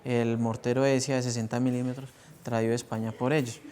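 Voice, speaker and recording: A man gives a measured technical explanation in an interview. His pitch sits in a middle range. A faint noise runs underneath. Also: flat delivery, a little mellow. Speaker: weapons expert interviewee.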